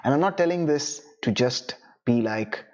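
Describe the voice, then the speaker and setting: This young man, whose first language is Tamil, talks to the camera in an easygoing online lesson for freelancers. His mid-range voice is expressive and paced normally, with the high frequencies cut off. He's conversational throughout, leaning heavily on "you know" and "right?"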